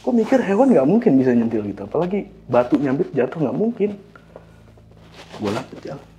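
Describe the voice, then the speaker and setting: A man with telling a hiking story in a casual, animated way, acting out voices and sounds. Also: on the high side, fairly quick.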